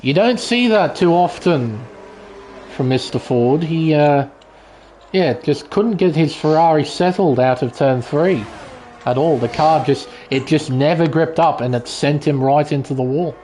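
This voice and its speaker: A man's voice: fairly high pitch, a little slow. A man doing live motorsport commentary, calling the race action move by move. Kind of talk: live sim racing commentary. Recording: loud vehicle noise behind. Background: racing car engine noise.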